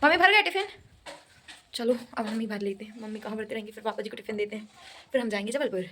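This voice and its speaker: A woman's voice: fairly high pitch, fast talker, fairly bright tone, a little hiss or hum. A young woman chatting playfully in a casual daily vlog, laughing often, recorded outdoors on a handheld phone. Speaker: vlogger. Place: outdoors at home and by a road.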